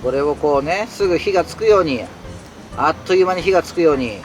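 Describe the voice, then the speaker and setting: A man's voice: a little high, expressive, quick pace, faint music behind. A man in a tent in the rain, chatting casually on a live stream and answering viewer comments in an exclamatory way. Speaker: solo camping streamer. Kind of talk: casual live-stream chat while camping. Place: inside a tent while it rains.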